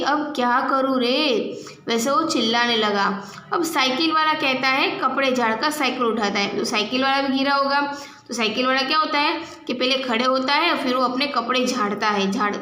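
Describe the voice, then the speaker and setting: A woman's voice: high voice, pushed and bright. A woman teacher retelling a lesson story, explaining it step by step with rhetorical questions. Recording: echoey room, faint noise.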